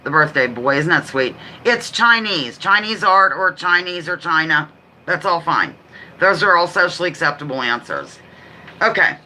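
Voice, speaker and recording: A woman hosting a casual live stream, chatting quickly and reading out trivia questions with rambling, apologetic asides. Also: deep voice, lively intonation, bright, forceful tone, a little hiss or hum, rough recording. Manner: talks quickly. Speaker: livestream host running a trivia quiz. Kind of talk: casual live chat with read-out quiz questions.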